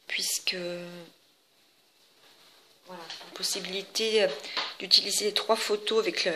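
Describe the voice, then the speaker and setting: A woman's voice: medium pitch, background noise. A woman casually walking through her handmade scrapbook album, chatty and hesitant, with lots of fillers and restarts. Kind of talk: casual craft tutorial.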